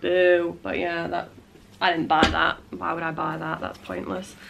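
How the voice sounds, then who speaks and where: A vlogger in her late 20s, congested with a cold, chats casually from her small, cluttered home room, sprinkling in "like" and playful asides. Her fairly low, creaky voice is flat and unhurried, with a noisy background behind it.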